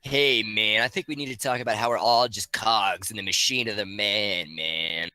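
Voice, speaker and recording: A man's voice: lowish voice, moderate pace, pushed and bright, no echo. A young man streaming a casual chat, his voice turned robotic and metallic by a glitching online connection. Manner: laid-back, jokey. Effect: robotic metallic distortion from a glitching connection. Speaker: streamer hosting a discussion.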